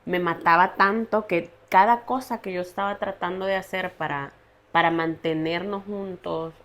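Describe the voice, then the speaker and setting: A young woman, telling her personal story as a podcast guest in an earnest, halting way. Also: on the low side, fairly even intonation, a bit bright. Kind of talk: personal testimony in a podcast interview.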